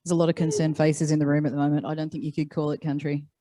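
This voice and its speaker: An Australian woman hosting a live panel in a lively, teasing way. Her voice sits fairly low and sounds close and dry, with little room around it. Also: rapid-fire, no room sound. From Queensland. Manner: chatty and playful, teasing panelists. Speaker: panel moderator. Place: conference venue.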